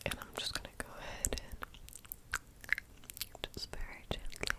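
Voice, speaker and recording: A woman speaking softly and haltingly in whispered ASMR, gently repeating her words, close to the microphone. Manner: soft, gentle, halting, repetitive. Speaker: ASMR host. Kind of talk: whispered ASMR personal-attention talk.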